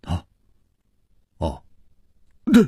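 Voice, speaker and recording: A man's voice: very slow, dark tone. A man voicing a mocking martial-world woman who sneers and stammers with laughter.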